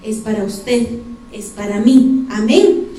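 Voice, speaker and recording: A woman with a Guatemalan accent preaches to her congregation in a high, mellow voice, asking them for examples as she teaches. She is heard from a distance across a very echoey church hall, with a faint hum of ambience behind her. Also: takes it slowly. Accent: Guatemalan Spanish. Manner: addresses the congregation directly, asks them for examples. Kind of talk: sermon. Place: church sanctuary.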